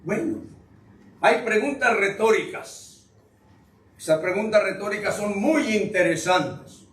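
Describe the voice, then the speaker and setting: A man's voice: high-pitched, expressive, slow. A man preaching a sermon to his congregation, joking and firing questions at the listeners. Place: church sanctuary. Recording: echoey room, distant mic, faint noise.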